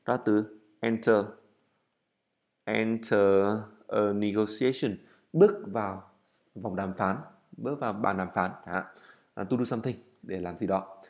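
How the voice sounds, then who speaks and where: A man teaching English in a recorded lesson, explaining step by step while writing, with frequent fillers and self-corrections, and drilling words by repeating them slowly. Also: on the low side, a little mellow.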